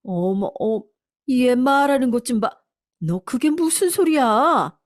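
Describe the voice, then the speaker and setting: A woman's voice: medium pitch, moderate pace, a little mellow, pitched above the performer's own voice, natural voice. A woman voicing a stern mother-in-law who scolds sharply and firmly. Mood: scolding.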